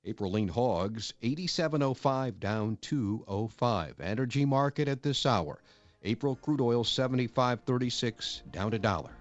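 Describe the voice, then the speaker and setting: A man's voice: mid-range voice, animated, moderate pace, no room sound. A man with an American accent hosting a radio farm news and market report. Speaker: radio host. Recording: dull lo-fi radio audio.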